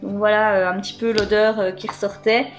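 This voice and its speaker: A woman's voice: mid-range voice, flat delivery, a little fast, soft background music. A woman chatting casually to her viewers while unboxing beauty products, with many hesitations and fillers. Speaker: beauty box unboxing vlogger. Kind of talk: casual unboxing chat to camera.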